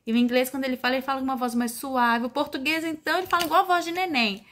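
A woman's voice: high voice, steady tone, very fast, fairly bright tone, slight background noise. A young Brazilian woman chatting casually in a family vlog, talking about her toddler. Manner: chatty, playful baby talk with her toddler. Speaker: vlogger mother.

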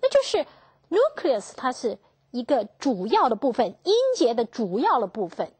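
A woman teaching English phonetics in a classroom lecture, asking her students questions and slowly repeating each key term. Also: a little high, slightly rough, no room sound. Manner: slow, drawn-out, repeats key terms, asks students questions.

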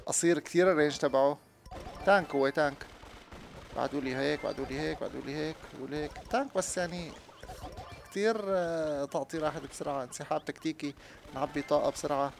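A young man, a chatty gaming YouTuber doing let's-play commentary who talks to his viewers and gets loud and excited during play. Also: a little high, gravelly, slight background noise.

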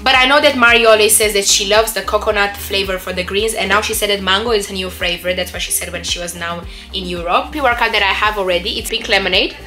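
Young woman rambling about stuff she likes, sharp bright voice. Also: medium pitch, steady tone, quick pace, few pauses, soft background music. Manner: chatty and upbeat, rambling asides. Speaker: vlogger. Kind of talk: casual product review.

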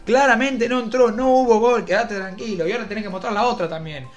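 A young man with an Argentine Spanish accent, doing mock football commentary over a video game, swinging between shouted play-by-play and muttered grumbling. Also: high voice, quick pace, muffled recording, soft background music. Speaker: gaming youtuber.

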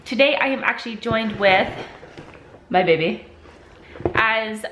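With a fairly high, slightly bright voice and lively intonation, a twenty-something lifestyle vlogger talks to the camera at an unhurried pace, sniffly with a cold. She's chatty and gestures a lot in her echoey home kitchen, the camera at desk distance, with slight background noise.

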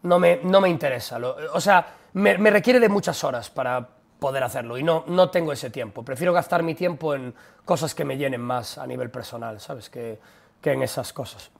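A man's voice: mid-range voice, moderate pace, creaky. A young man with a Spanish accent from Spain, ranting bluntly and profanely at his live-stream chat.

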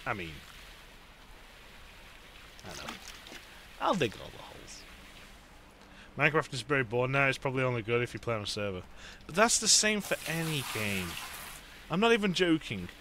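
A man's voice: mid-range voice, sing-song, moderate pace, pauses often, bright, forceful tone, a little hiss or hum. A man giving casual gameplay commentary while playing, joking, swearing and chatting to viewers. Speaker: gaming video host.

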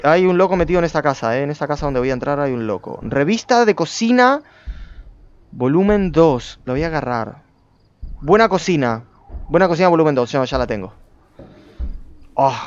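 A male streamer giving excitable gameplay commentary, talking to his viewers and to himself. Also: on the high side, dull audio.

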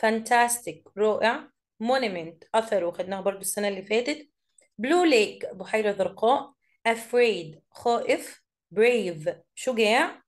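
A woman with an Egyptian accent teaching an English vocabulary lesson, saying each word slowly and then explaining it quickly. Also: a little high, lively intonation. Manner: reads words slowly, then explains briskly.

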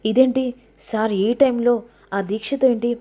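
Woman doing jealous young wife, snappy, accusing, a bit higher. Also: steady tone, moderate pace, natural voice. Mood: angry. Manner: sharp, accusing.

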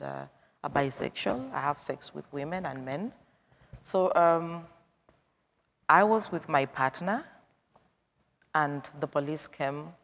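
A woman's voice: low voice, creaky. A young woman from Uganda speaking frankly as a panelist, telling her own story. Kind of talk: personal testimony. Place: conference stage. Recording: long reverb in a hall.

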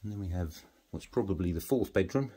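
Walking through a house room by room, a man acting as an estate agent gives a matter-of-fact, halting commentary, listing its features. His voice is low, warm, and slightly rough, his delivery animated.

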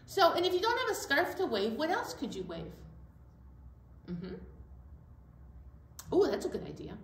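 A middle-aged woman with a high voice and wildly swooping pitch speaks a little slowly as she hosts a children's storytime, explaining things simply and addressing the young kids directly. It's recorded in an indoor library storytime room with a distant mic, a roomy sound and faint room noise.

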